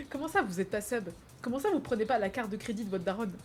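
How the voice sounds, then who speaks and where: A woman streaming a game, chatting casually, animated, teasing and crude, laughing often. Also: fairly high pitch. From France. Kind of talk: casual gaming stream chat.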